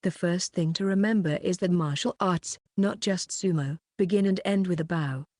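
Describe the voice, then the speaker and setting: A woman's voice: lowish voice, normal speed, a little mellow, dry recording, studio quality, close to an everyday voice. A woman reading the lines of a proud, boastful female sumo champion fighter in an audiobook. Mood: confident.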